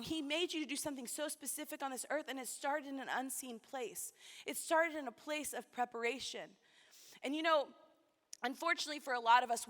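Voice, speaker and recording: A woman's voice: on the high side, fairly bright tone. A woman preaching a sermon to a conference, emotional and close to tears at times. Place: large church hall. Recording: long church hall reverb.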